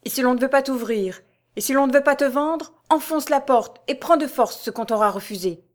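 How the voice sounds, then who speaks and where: A woman's voice: medium pitch, normal speed, close to an everyday voice. A woman voicing a passionate, desperate young nobleman in an audiobook, pleading and exclaiming in a raised, urgent voice. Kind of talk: audiobook character voice.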